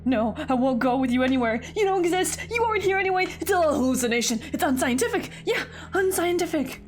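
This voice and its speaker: A woman voicing a nerdy, frightened young male student who stammers and rises into shouting in a visual novel. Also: high-pitched, animated, fast talker, faint music behind, pitched above the performer's own voice. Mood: panicky.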